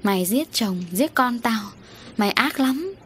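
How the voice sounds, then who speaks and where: A woman's voice: medium pitch, fairly even intonation, normal speed, fairly bright tone, slight background noise, natural voice. A woman voicing a grief-maddened village mother who wails accusations. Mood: wailing. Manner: wailing, accusing. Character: grieving crazed village mother.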